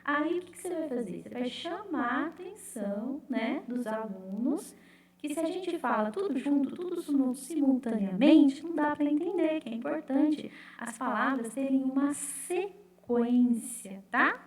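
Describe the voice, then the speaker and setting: A woman's voice: high voice, animated, darkish tone. Woman, chatty teacher's explanation, roomy echo, a bit far from the mic. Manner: chatty, repeats "né?" and "gente", sounds out syllables slowly. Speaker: literacy teacher trainer. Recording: echoey room, away from the mic.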